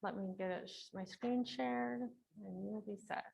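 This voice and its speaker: A woman's voice: mid-range voice, steady tone, measured pace, creaky, a little mellow, slightly rough, rough recording. A woman making brief remarks in an online meeting, hurrying to share her screen.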